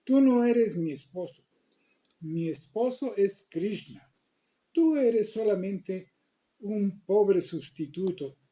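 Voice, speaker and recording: A man's voice: high voice, lively intonation, slow pace, mellow. Man playing a bold, defiant queen. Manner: defiant, scolding.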